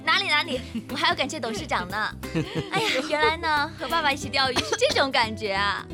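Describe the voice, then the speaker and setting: An actress playing a sweet, earnest young daughter in a television drama. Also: female voice, high voice, very animated, brisk, over music. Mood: delighted. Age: young adult.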